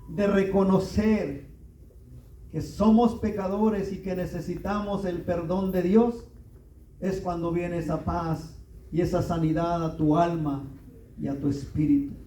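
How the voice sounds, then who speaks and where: A man's voice: high voice, mellow, roomy sound, distant mic, slight background noise, poor audio. A man preaching a sermon in a church, reading scripture and asking rhetorical questions with rising emphasis.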